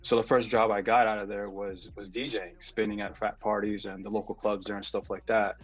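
Husky, lowish New man in his thirties, relaxed rambling producer on a dull, lo-fi video call line. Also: brisk, soft background music. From New York. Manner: laid-back, rambling, slangy, with many fillers. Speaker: guest music producer. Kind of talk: casual interview on a video call.

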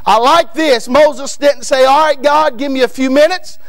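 With an extremely high pitch and fairly even intonation at normal speed, a guest preacher in his thirties from Northern Kentucky thunders through a Baptist sermon in a church sanctuary. He works up to shouting, says lines again, and addresses men in the pews by name over the pulpit microphone.

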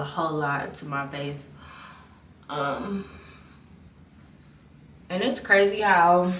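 A young beauty vlogger chats casually to camera from her bathroom at home, speaking candidly, rambling and restarting often. Her voice is on the low side, pushed and bright, and the distant camera mic picks up echo and background noise.

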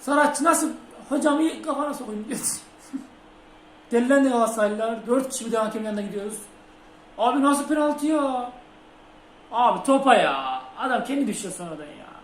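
A young man commentating his own football video game, muttering between plays and shouting at goals. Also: very high voice, expressive, fairly quick, slight background noise. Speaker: gaming channel host. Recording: roomy home recording with game music behind.

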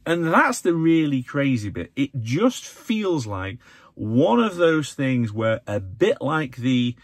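An English man in his forties talking to camera from inside a parked car, animated and opinionated, often jumping up in pitch to stress a point. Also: slow, no room sound. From England. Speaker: vlogger, channel host. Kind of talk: casual to-camera vlog. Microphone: phone or camera held close in front.

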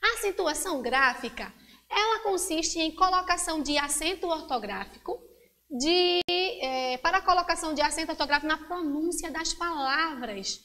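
A Brazilian woman teaching a grammar lesson to children, patiently explaining and slowing down to spell out example words. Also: very high-pitched, bright, forceful tone. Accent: Brazilian Portuguese.

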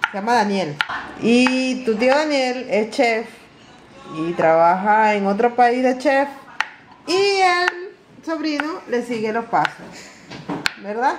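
A woman's voice: fairly high pitch, animated, slow, pauses often, background noise. Chatty Venezuelan woman vlogging at home. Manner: chatty, playful and exclamatory. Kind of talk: casual home vlog. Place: home, indoors.

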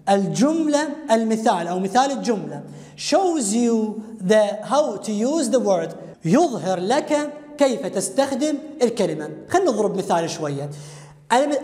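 A woman's voice: a little high, a little mellow. A woman with an Iraqi Arabic accent teaching an English lesson, asking and answering her own questions and explaining each English phrase in Arabic. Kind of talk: classroom grammar lesson. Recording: echoey room with long reverb.

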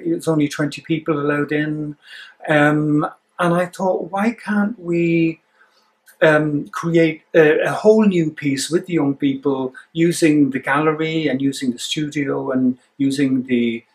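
This Irish man in his sixties, who directs theatre, speaks in a fairly high voice. He is reflective during the interview and often pauses partway through sentences while finding the right words.

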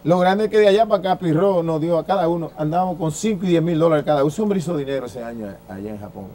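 A Dominican man in his sixties, a former baseball pitcher, telling stories in an interview and acting out the dialogue he quotes. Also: rapid-fire, a little hiss or hum. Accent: Dominican Spanish. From Dominican Republic. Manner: lively storyteller who acts out quoted dialogue, with frequent restarts. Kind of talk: anecdotal storytelling in an interview.

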